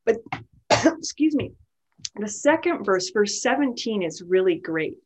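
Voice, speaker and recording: A woman's voice: mid-range voice, big pitch swings, measured pace, slight background noise. Chatty, earnest woman teaching scripture. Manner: chatty and earnest, full of "you know" asides. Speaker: women's Bible study teacher. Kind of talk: informal devotional teaching.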